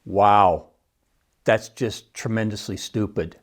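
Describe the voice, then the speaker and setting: A man's voice: lowish voice, steady tone, takes it slowly. A middle-aged man hosting a solo podcast, wry and scoffing, often laughing at his own points. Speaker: podcast host and economics teacher.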